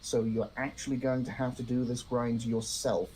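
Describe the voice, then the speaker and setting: A man co-hosting a podcast, reading news items in an even, matter-of-fact way and chatting casually. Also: medium pitch, normal speed, a little hiss or hum, low-quality recording. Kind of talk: read-aloud news segment and casual chat.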